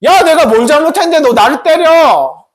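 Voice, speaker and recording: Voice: high voice, animated, moderate pace, pitched above the performer's own voice. A man voicing a frightened, stubborn donkey that refuses to go on and talks back to its rider. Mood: sulky. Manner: sulky protest.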